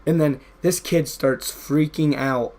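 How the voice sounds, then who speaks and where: A man's voice: a little high, fairly even intonation, takes it slowly, darkish tone. A young man telling a casual, rambling story over gameplay, full of fillers. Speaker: gaming vlogger.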